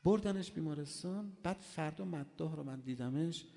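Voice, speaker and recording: A male preacher giving an impassioned sermon, swinging between hushed and loud. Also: fairly high pitch, vocal fry. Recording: long hall reverb.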